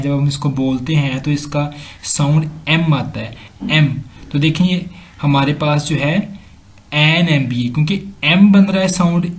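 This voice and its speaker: A man with a Pakistani accent teaching English grammar over slides, slowly repeating examples and mixing in English sentences. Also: fairly high pitch. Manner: slow and repetitive, drills examples aloud, mixes in English sentences. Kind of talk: slide-based lesson explanation.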